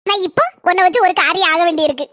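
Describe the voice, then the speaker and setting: A woman voicing a fussy middle-aged village mother in a cartoon, speaking Kanyakumari Tamil and nagging loudly. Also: extremely high pitch, dry recording, studio quality. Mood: bossy. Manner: nagging, loud and fast. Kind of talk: animated cartoon voice acting.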